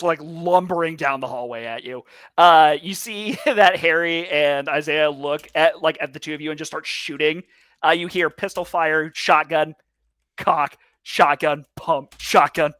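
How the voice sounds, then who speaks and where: Brief: male game master, bright and loose, dry close sound, lots of fillers. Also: on the high side, no echo. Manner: loose, full of "like" and fillers, laughs often. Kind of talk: narrating a tabletop game.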